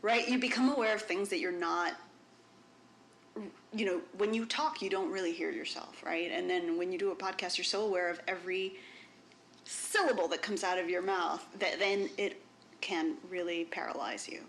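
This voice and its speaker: A woman's voice: fairly low pitch, normal speed, fairly bright tone, a little hiss or hum. A woman co-hosting a podcast in casual chat, musing and self-aware, often trailing off. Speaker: podcast co-host.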